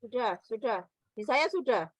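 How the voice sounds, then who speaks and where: A woman's voice: fairly high pitch, expressive, moderate pace, no echo. A woman in an online class, heard distant and faint from far off the mic on a video call, politely interrupting. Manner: polite, apologetic. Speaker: class participant.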